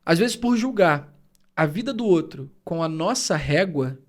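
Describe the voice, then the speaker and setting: This podcast co-host from Brazil's Rio de Janeiro state has a high, earnest voice that is expressive and unhurried. In a reflective conversation, he thinks carefully and gives long explanations.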